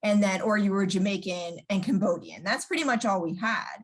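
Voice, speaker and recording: A woman's voice: medium pitch, fairly quick. A woman, chatting casually as an interview guest and telling stories full of fillers. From New York, USA. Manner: chatty storyteller with many fillers, acting out quoted voices.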